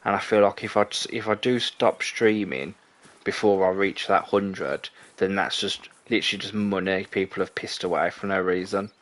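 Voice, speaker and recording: Deep-voiced chatty young man. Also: fairly even intonation, normal speed, a bit bright. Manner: rambling, chatty, self-correcting. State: out of breath. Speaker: streamer. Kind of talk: casual gameplay commentary.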